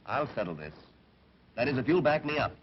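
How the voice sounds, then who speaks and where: An actor playing a scheming male attorney in an early 1930s talkie film, speaking in a measured, stern way. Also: medium pitch, sing-song. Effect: early 1930s talkie film soundtrack. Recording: muffled, faintly hissy 1930s film sound.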